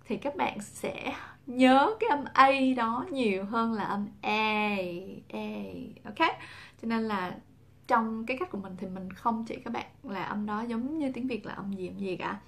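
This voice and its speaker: A young woman teaching English pronunciation in a casual talk to camera, saying example words slowly and repeating them. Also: a little high.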